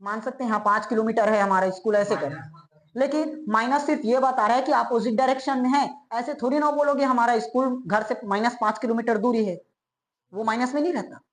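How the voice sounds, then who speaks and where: A male physics teacher giving a classroom lecture. He keeps asking quick checking questions and answers them himself, and he repeats key terms slowly. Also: very high-pitched, fairly bright tone. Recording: roomy echo, as if in a bare classroom.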